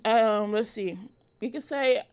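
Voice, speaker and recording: A woman in her thirties from Connecticut, a guest in a casual interview. She talks in halting bursts, full of ums and restarts as she searches for words. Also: on the high side, clean tone. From Connecticut, USA. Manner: hesitant, many fillers and restarts. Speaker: interview guest, illustrator and cartoonist.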